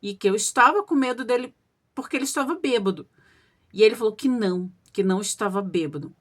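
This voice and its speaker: Reading out a listener's supernatural experience, a woman narrates in the first person and talks directly to her listeners in a conversational way. She speaks quickly, her mid-range voice animated.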